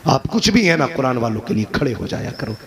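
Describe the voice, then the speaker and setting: A man preaching a sermon, rising to loud emphatic peaks and then dropping low. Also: very animated, fast talker. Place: gathering with a live crowd. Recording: crowd responding audibly.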